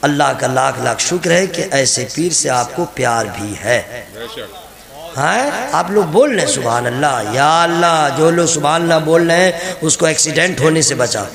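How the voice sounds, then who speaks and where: A man preaching a lively, humorous sermon to a gathering, addressing the crowd directly. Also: a little high, moderate pace, creaky, reverberant.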